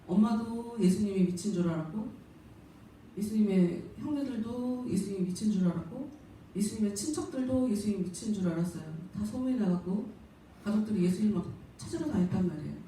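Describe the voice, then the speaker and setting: A woman's voice: medium pitch, fairly quick, dark tone, a little hiss or hum. A middle-aged woman pastor preaching a sermon in a chatty, conversational way, now and then acting out quoted voices. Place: church sanctuary. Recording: distant, very echoey church hall.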